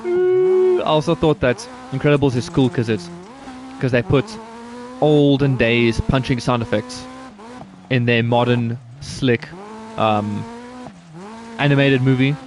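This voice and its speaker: A man streams a rally game and rambles to his chat in an easy, off-the-cuff way, dropping the odd curse. His voice sits at an ordinary pitch. A loud car engine and game sounds run underneath the whole time. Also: fairly even intonation, unhurried, long pauses, noisy background. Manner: rambling, laid-back, swears casually, chatting with viewers. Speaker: gaming streamer. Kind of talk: casual live-stream chat while playing.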